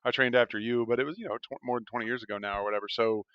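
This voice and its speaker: Fast-talking man with a smooth voice. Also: mid-range voice, steady tone, dry recording, lo-fi sound. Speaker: podcast co-host, rural physician. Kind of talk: casual podcast conversation.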